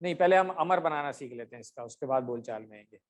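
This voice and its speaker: A man teaching an online grammar class, speaking patiently, pausing often with fillers and stretching out drill words slowly. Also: mid-range voice, lively intonation. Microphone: computer mic on a video call with camera off.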